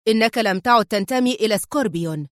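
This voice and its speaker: A woman voicing a menacing male crime boss who speaks in a cold, stern, deliberate way. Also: medium pitch, animated, no echo, studio quality, lightly acted. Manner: stern, slow and icy.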